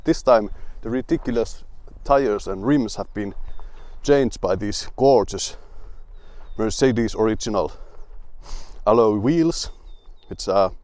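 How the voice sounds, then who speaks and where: A young man with a fairly low voice reviews an old car in a dry, wry way. He rambles through restarts and asides and grumbles about the quirks he finds. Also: slow pace, a little mellow.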